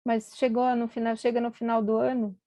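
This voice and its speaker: A woman's voice: a little high, flat delivery, a little fast, mellow, no echo. A middle-aged woman, a physician, giving a conversational storytelling talk at an event and acting out the voices of the people in her stories.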